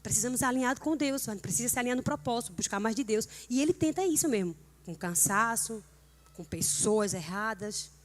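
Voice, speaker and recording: A woman's voice: a little high, lively intonation, a little fast. A middle-aged woman from Brazil giving a heartfelt testimony and exhortation at a church prayer meeting, earnest and emotional, rising to fervent emphasis. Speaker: church speaker leading prayer.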